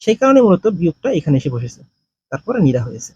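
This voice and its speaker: Talking fast in a sing-song way, this male language teacher has a high, somewhat husky, dark voice. He walks through grammar step by step, posing questions and answering them himself, on a dull, dry recording without room sound.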